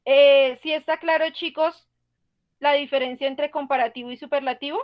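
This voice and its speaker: A woman's voice: sits high, steady tone, moderate pace. A woman teaching an online English class, patiently explaining grammar rules step by step and asking the students questions.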